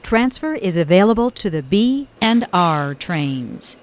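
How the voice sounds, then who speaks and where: A woman giving slow, measured transfer announcements over a subway train intercom. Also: lowish voice. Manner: slow, measured, even delivery. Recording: lo-fi loudspeaker with faint train noise.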